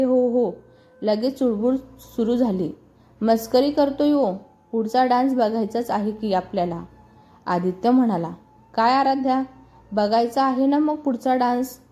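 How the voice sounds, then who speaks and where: A woman with a voice on the high side reads a serialized family story aloud, giving every character's lines in her own lively storytelling voice. Her voice comes through muffled over background music.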